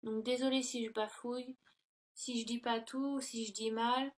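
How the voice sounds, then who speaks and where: Talking to her laptop through its built-in microphone, a woman does a casual tarot reading at a moderate pace. Her fairly high voice stays fairly level in pitch, and she hesitates, using lots of fillers and correcting herself.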